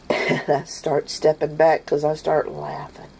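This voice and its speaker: A woman's voice: low-pitched, completely flat delivery, takes it slowly, creaky, mellow, a little hiss or hum. A woman telling a funny family story in a casual, folksy way, often laughing as she goes.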